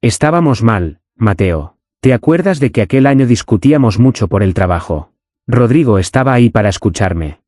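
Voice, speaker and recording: A man's voice: mid-range voice, expressive, moderate pace, a little mellow, dry recording, clean studio sound, close to an everyday voice. A man voicing a guilt-ridden, tearful unfaithful wife in a narrated story, speaking in a pleading tone. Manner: pleading, sobbing tone.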